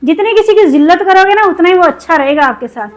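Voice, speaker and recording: A woman from Pakistan chatting in a cooking vlog, upset and venting, her throat sore from shouting. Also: very high voice, animated, fast talker, rough recording. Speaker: cooking vlogger. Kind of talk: casual cooking vlog chat.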